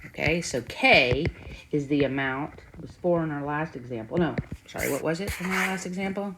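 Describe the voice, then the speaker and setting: Low-pitched and speaking at normal speed, a woman teacher walks through a casual math tutorial, reasoning aloud and frequently asking brief check-in questions. The voice-over was made during a screen recording, with clicks over faint background noise.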